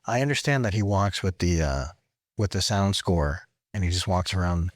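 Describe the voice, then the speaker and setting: A man hosting an interview, animated and playful, asking probing questions. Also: deep voice, normal speed, no room sound, clean studio sound. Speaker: podcast host. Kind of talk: conversational interviewing.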